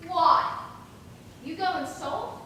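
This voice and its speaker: A woman playing a sharp-tongued, ruthless schemer in an amateur stage play, heard from far off in an echoey hall. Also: very high voice, animated, a little hiss or hum, heavily acted. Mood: scheming. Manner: brisk, bossy and plotting. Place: theatre stage.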